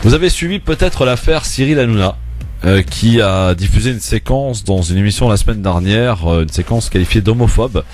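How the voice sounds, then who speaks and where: A man's voice: on the low side, moderate pace, faint music behind. Talk radio host man, teasing. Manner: lively, teasing questions with many fillers. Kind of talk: casual radio talk show.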